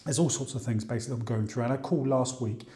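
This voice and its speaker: A man's voice: medium pitch, quick pace, mellow. A man from the UK talking casually to camera in a vlog, chatty and thinking aloud. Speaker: vlogger. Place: outdoors by the sea, then at home.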